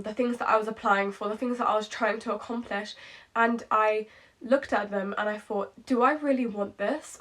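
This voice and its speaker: A woman's voice: a little high, fairly bright tone. A woman, talking candidly and rambling in a reflective late-night vlog, repeating herself and saying "like" often. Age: 20s. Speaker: vlogger.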